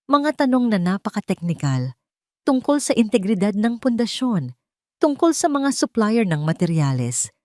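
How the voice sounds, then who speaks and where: In a dry, studio-quality recording, a Filipino-accented woman reads a dramatic scripted story as an audio drama narrator, her mid-range voice carrying a darkish tone.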